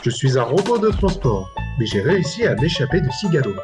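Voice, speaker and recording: A man voicing a stranded male transport robot, reading game lines in a lowered, flat robot voice. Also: fairly quick, music in the background, lightly acted. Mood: laid-back. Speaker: streamer reading game dialogue aloud.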